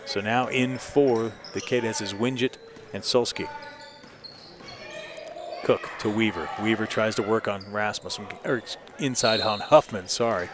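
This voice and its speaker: A man calling high school girls basketball play by play, quick and steady, lifting his voice on each basket. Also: over music. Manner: rapid play-by-play, rising excitedly on baskets. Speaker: play-by-play announcer. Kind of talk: sports commentary. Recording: loud gym crowd behind.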